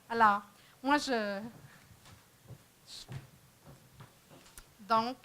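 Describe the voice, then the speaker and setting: A woman hosts a conference panel in a high, bright voice. She talks slowly and unhurriedly, pausing on fillers and restarting phrases as she introduces each guest. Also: slight background noise. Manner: hesitant, many fillers and restarts, friendly introductions. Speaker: panel moderator. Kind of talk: bilingual conference panel hosting. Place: conference room.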